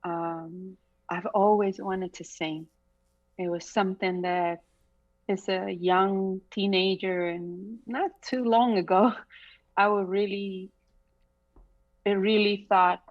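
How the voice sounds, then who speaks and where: A middle-aged Chilean singer, a native Spanish speaker with a Chilean accent, chats reflectively in a casual interview and laughs often. Her mid-range voice is fairly even, slow and full of pauses, coming over slightly dull video call audio from a bright room at home.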